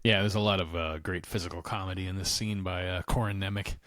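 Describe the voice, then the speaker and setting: A man with a low voice chats on a podcast, answering with quick agreement and dry jokes. He sits close to the mic in a dead, dry room, with no echo. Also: steady tone, fairly bright tone. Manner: short agreeing replies and wry comments. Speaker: podcast co-host. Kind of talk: casual podcast chat.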